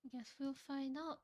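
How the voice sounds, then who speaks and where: A woman hosting a live stream in casual chat, talking freely with lots of fillers and getting loud when surprised. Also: high voice. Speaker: streamer host.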